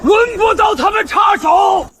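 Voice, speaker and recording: An enraged rogue cultivator leader rallies his followers in a very high, shouting voice with swings in pitch. A faint hiss sits under the recording of this animated drama. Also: slow pace, some chatter behind, exaggerated voice. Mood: furious. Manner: shouting, agitated.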